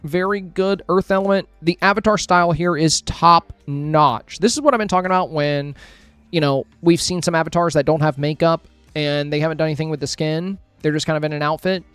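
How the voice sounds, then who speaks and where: A man's voice: fairly high pitch, a little fast, a bit bright, clear, resonant tone, no echo, faint music behind. Chatty man giving friendly critiques. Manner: friendly, thinking aloud with many fillers and restarts. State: hiccuping, with a headache. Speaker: streamer reviewing game screenshots. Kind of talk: casual live-stream review commentary.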